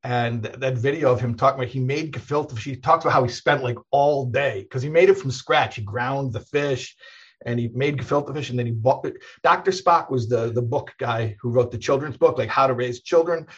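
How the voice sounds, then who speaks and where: A rabbi talks through a long, rambling story in a relaxed chat, chuckling and restarting his sentences as he goes. His voice is husky and slightly rough. The recording sounds dull and muffled, as if the highs were cut off. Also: moderate pace. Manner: rambling, animated, chuckles often, many restarts. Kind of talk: casual storytelling conversation.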